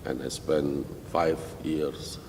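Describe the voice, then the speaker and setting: Slow, deep-voiced Indonesian pastor. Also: male voice, fairly even intonation. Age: middle-aged. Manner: halting non-native English with many restarts. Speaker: missionary pastor, guest. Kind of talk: interview answers. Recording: roomy hall with faint rumble.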